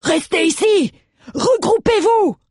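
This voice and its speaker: A male narrator voicing an angry veteran cavalry general who shouts orders. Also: very high-pitched, animated, slow, no echo, clean studio sound, pitched above the performer's own voice, full character voice. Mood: shouting angrily.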